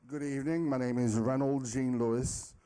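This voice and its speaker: A middle-aged man making an impromptu public comment as a resident, halting and repeating his words as he pleads. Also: medium pitch, fairly even intonation, warm tone, clear, resonant tone. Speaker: resident and former city worker speaking at public comment.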